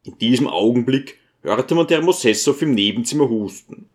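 A man reading a novel aloud as an audiobook, with expressive storytelling. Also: mid-range voice, moderate pace. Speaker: audiobook reader. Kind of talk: scripted audiobook narration.

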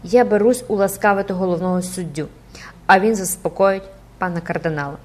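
A woman's voice: on the low side, fairly quick, lightly acted. A woman voicing a courteous pale young man.

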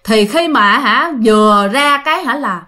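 A woman's voice: on the high side, lively intonation, measured pace, pushed and bright. A woman telling a ghost story in a chatty way, talking directly to her listeners. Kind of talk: casual ghost-story narration.

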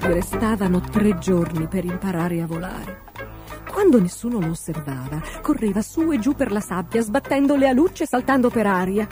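A woman narrating a fairy tale aloud in an expressive, playful storybook style. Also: medium pitch, moderate pace, music in the background.

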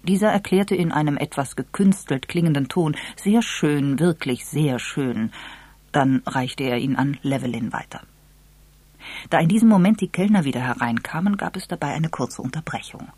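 A narrator reading a story aloud in an even, measured way. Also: medium pitch, husky, no room sound. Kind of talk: audiobook narration.

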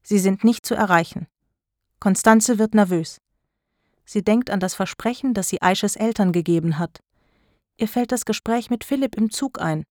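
A woman reading a graded storybook aloud in a clear, measured narration. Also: medium pitch, darkish tone, no echo, studio quality. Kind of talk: scripted narration of a graded reader.

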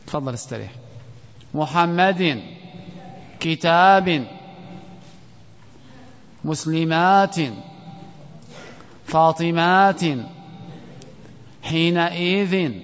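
A man teaching an Arabic grammar lesson in a classroom, quizzing his students and reciting verse slowly. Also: a little high, a little hiss or hum. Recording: dull lo-fi audio with long hall reverb.

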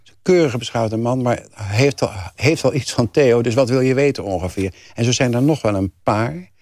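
A man's voice: mid-range voice, moderate pace, no room sound. An older man, an author, telling anecdotes as a guest in a radio interview. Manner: animated storyteller, rises when telling family anecdotes.

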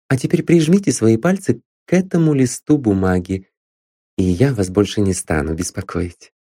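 A man reading an audiobook, voicing a calm, cool-headed young woman detective who speaks softly and politely. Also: lowish voice, moderate pace, no echo, studio quality. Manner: soft, calm and composed.

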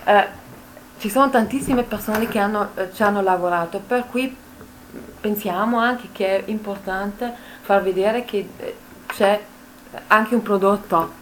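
Halting, modest woman. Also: medium pitch, rough recording. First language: not a native Italian speaker. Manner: halting, self-correcting, modest. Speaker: book co-author speaking at a presentation. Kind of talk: informal public talk. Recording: faint ambient room noise.

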